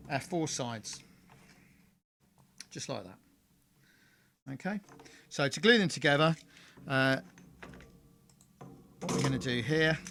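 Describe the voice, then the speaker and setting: A man's voice: mid-range voice, creaky, bright, forceful tone, a little hiss or hum. A man hosting a live-streamed model railway crafting demonstration, talking in a rambling, chatty way full of fillers and self-corrections. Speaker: model railway hobbyist host.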